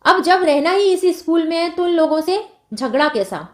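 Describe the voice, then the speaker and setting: Brief: timid apologetic mother, read by a woman teacher, hesitant, high voice, roomy sound. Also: animated, normal speed. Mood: worried. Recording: roomy echo.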